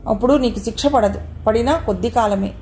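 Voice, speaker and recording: Woman voicing a young man, coaxing and teasing, storybook reading, mellow voice. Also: a little high, a little fast, a little hiss or hum, natural voice. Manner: coaxing, playful.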